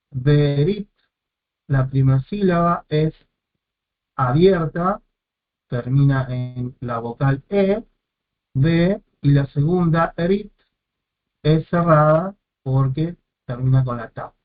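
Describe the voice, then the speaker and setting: A man teaching a lesson step by step, repeating and sounding out each syllable and correcting himself as he goes. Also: on the high side. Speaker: Biblical Hebrew teacher. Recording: tinny phone-like audio.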